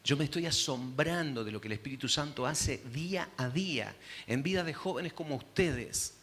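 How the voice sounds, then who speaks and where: A man's voice: medium pitch, animated, normal speed, a bit bright. A male pastor with an Argentine accent preaching a sermon, telling a story dramatically and acting out the voices. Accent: Argentine Spanish.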